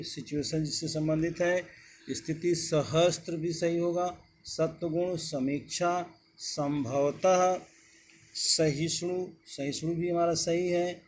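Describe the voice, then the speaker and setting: Male tutor, unhurried exam-prep drill voice, slightly raised pitch. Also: darkish tone, a little hiss or hum. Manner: slow, deliberate dictation of words one by one. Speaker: teacher. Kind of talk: exam-prep lesson on spelling.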